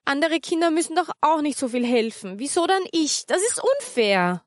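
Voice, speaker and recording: A woman's voice: high voice, sing-song, moderate pace, no echo, studio quality, voice pushed up. A woman voicing a sulky young daughter who protests in a whiny, raised voice. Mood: indignant.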